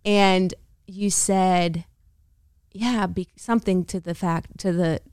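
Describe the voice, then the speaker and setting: An American woman with a slightly low voice, chatting on a podcast and telling a story with lots of energy. She acts out quoted lines and laughs easily. The sound is close and dry, with no room echo. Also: slow, clean tone. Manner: animated, laughs often, acts out quoted dialogue. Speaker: podcast co-host. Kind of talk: casual storytelling chat.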